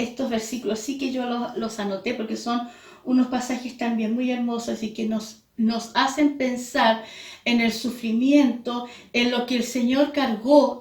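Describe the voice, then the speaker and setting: A woman preaching a sermon in a church, earnest and halting, with frequent pauses and fillers. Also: a little high, a little mellow. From Chile. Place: church hall. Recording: echoey church room from a distance.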